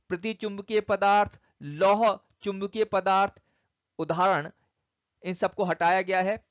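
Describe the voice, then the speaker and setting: A man's voice: sits high, no echo, dull audio. A man teaching physics online, walking students through syllabus topics and calling them children.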